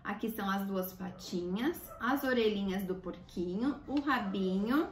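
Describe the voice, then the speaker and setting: A woman's voice: medium pitch, a little slow. A woman with a Brazilian accent teaching children a craft like a kids show host, in simple child-directed talk. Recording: echoey room, distant mic, faint noise.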